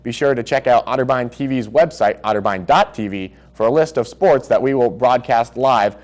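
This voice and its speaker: A man anchoring a campus news show, reading sports results in a steady scripted way. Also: mid-range voice, moderate pace.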